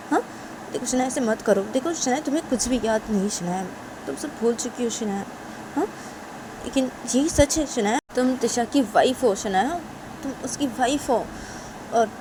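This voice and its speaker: A woman plays a stern mother figure, coaxing and firm, who keeps repeating the girl's name. Her voice sits fairly high, and a steady hum runs under the noisy recording. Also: natural voice. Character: stern mother figure, scolding but soothing.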